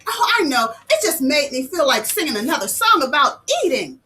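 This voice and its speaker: A woman hosting a children's lesson, talking to the kids directly in an animated, sing-song way. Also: sits high, a little fast, a little hiss or hum, poor audio. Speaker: children's show host and teacher.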